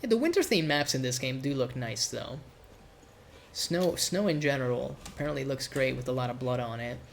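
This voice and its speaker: A man with a nasal, congested voice from a cold, giving rambling, relaxed commentary while streaming a game. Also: medium pitch, normal speed, gravelly, a little hiss or hum. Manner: rambling, relaxed, swears casually. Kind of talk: casual gameplay commentary.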